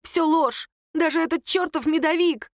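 A woman reading a story voices Lera, a bitter, defiant young woman shouting in heated outbursts. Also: mid-range voice, brisk, dry recording, clean studio sound, lightly acted.

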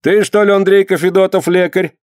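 A man voicing a gruff, commanding male government clerk who scorns the peasants. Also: high voice, steady tone, a little fast, darkish tone, dry recording, studio quality, voice pushed up, natural voice. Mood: scornful, commanding.

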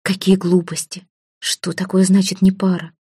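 A woman's voice: on the low side, level tone, moderate pace, warm tone, husky, dry recording, studio quality. A woman voicing an earnest, impulsive young nobleman who speaks insistently.

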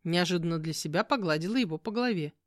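A woman narrating a fantasy audiobook in the first person, with an expressive, animated reading. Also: lowish voice, quick pace, dry recording, studio quality.

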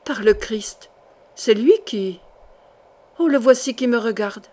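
A woman's voice: a little high, slow pace, a little mellow. Woman voicing a brave young hero. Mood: frightened. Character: brave young man, bold and generous.

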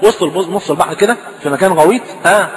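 A male preacher with an Egyptian Arabic accent tells a story in a sermon. He acts out the dialogue in an animated way. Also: sits high, very fast. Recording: long hall reverb.

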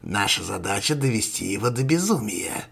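A man puts on a crow-masked sorcerer villain for an audio story, his voice thick with gravel and grit. He speaks in a husky rasp, gloating and menacing, taking his time over every threat. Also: lowish voice, very animated, moderate pace, fairly bright tone, heavily acted. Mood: gloating menace. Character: sinister male sorcerer villain in a crow mask.

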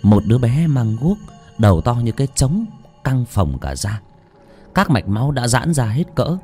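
Deep-voiced man telling a horror story. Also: warm tone, husky. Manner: dramatic, suspenseful delivery. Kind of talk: scripted horror narration. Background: faint music.

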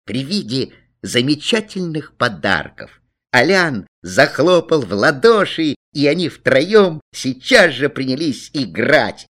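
A man narrating a children's story with an expressive delivery. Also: medium pitch, slow pace. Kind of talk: storybook reading.

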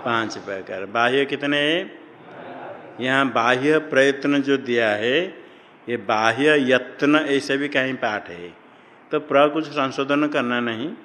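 A man lectures on Sanskrit grammar at a slow, deliberate pace. He poses questions and answers them himself, and slips into chanting the rules. His voice carries a long reverb, as in a large hall. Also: mid-range voice, fairly bright tone, a little hiss or hum. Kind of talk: classroom lecture.

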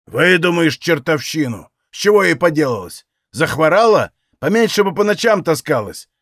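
A man voicing a hot-tempered old Cossack father who shouts and curses gruffly in an audiobook. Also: a little high, very animated, moderate pace, dry recording, studio quality. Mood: furious.

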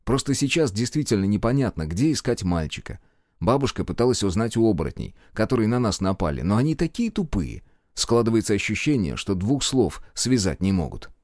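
A man's voice: lowish voice, very animated, a little fast, a little mellow, dry recording, clean studio sound. A male audiobook reader voicing a cheeky young man who answers earnestly and a little insolently. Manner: earnest, defensive, casual. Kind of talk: audiobook character voice.

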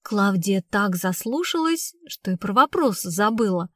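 A woman narrating an audiobook in a plain, lively storytelling manner. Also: mid-range voice, unhurried, no echo, studio quality.

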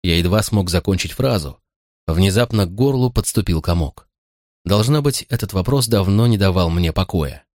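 Low-voiced male audiobook narrator. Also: animated, moderate pace, a little mellow, dry recording, studio quality. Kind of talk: scripted narration.

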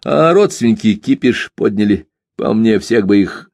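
A man's voice: fairly low pitch, expressive, moderate pace, a little mellow, dry recording. A man voicing a cynical, bigoted male police investigator who questions with dry, needling remarks. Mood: scornful.

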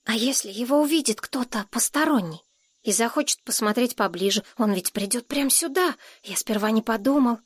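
A woman's voice: on the high side, fairly quick, husky, no room sound. A woman reading a story, voicing a timid, eager young boy who asks hesitant, anxious questions. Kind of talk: audiobook character voice.

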